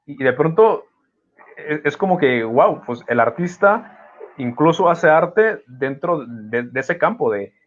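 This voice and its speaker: A man's voice: a little high, expressive, unhurried, slight background noise. Reflective man on dull lo-fi audio. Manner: reflective, many fillers and restarts. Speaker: podcast host. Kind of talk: casual conversation.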